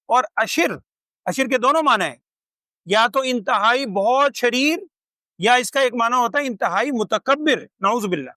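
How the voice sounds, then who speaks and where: An older man teaching a Quran commentary class, his voice high and bright. He explains patiently, recites verses, then puts rhetorical questions to the room. The sound is dry and close, with almost no room echo. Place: lecture with a seated audience.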